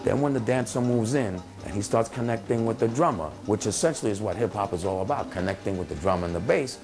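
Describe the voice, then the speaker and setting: A man telling stories in a casual, animated way in a documentary interview. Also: on the low side, quick pace, music in the background.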